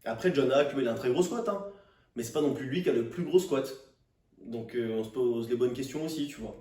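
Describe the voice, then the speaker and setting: A young fitness vlogger rants to camera, exasperated and swearing, in casual slang. His mid-range voice has a dark tone and runs a little fast. The sound is roomy and echoey, as if the microphone sits far away.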